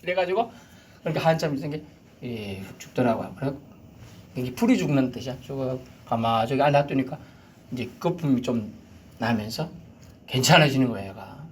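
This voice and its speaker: A man preaching a sermon, swinging from loud shouted commands down to near-whispers. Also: mid-range voice, lively intonation, normal speed, long pauses, slight background noise. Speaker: pastor.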